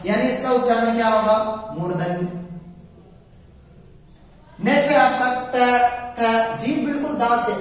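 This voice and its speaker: A man's voice: very high voice, lively intonation, a little slow, pauses often. A man teaching an exam-prep grammar lesson, asking questions and answering them himself. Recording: echoey room, voice from far off.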